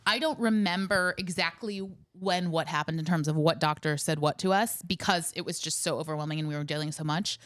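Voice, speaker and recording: A woman co-hosting a podcast, recounting events with wry, animated storytelling. Her voice sits at a middle pitch. The sound is dry and close, with no room echo. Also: fairly quick, hardly any pauses. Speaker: podcast co-host.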